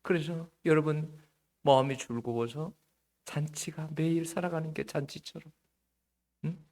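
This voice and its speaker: A man preaching a sermon as pastor, asking the congregation direct questions and swinging between loud and hushed delivery. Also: fairly high pitch, steady tone, unhurried.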